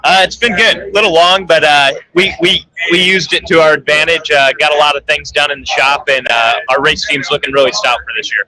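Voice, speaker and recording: A man, a racing driver, answering interview questions in a relaxed way with many fillers. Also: fairly high pitch, brisk, hardly any pauses, low-quality recording. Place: crowded fan event. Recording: loud crowd behind.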